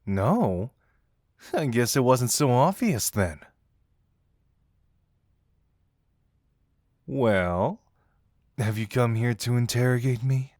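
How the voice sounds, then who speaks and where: Man acting Dazai, a teasing, lively flirt. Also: mid-range voice, no echo, clean studio sound. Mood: curious, teasing. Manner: teasing, theatrical, drawn-out words. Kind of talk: intimate roleplay audio acting.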